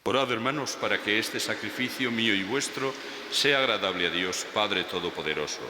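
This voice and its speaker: A priest, intoning Mass prayers slowly and solemnly, heard with a cathedral echo in a large church. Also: male voice, on the low side, sharp tone, slight background noise. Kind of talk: liturgical prayer.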